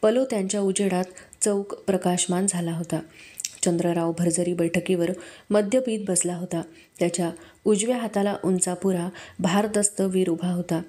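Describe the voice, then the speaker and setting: A woman reading a historical novel aloud as steady, scripted narration. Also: lowish voice, moderate pace. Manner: steady storytelling. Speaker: audiobook reader.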